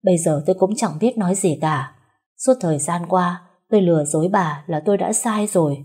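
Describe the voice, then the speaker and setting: A young woman tells a first-person story in slow, sorrowful narration. Her voice sits low and carries a husky, breathy texture. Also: a little mellow.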